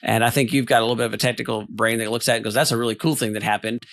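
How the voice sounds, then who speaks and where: A man's voice: mid-range voice, steady tone, racing, fairly bright tone, no room sound. A man co-hosting a podcast, talking through his thoughts in a casual, rambling way with many fillers. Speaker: podcast co-host.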